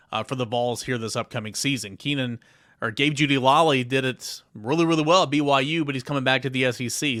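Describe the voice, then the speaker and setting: A man hosting a casual sports podcast countdown, chatty and emphatic, with many fillers and quick self-corrections. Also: mid-range voice, sharp tone, no room sound, studio quality. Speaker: podcast host.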